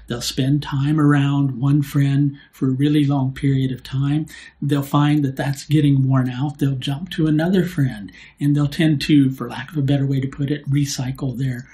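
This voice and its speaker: A man, an astrologer hosting his own video, explaining a topic in a relaxed conversational way and tagging his points with "right?". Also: medium pitch. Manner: unhurried, with filler "uh" and restarts. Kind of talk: solo explanatory video talk.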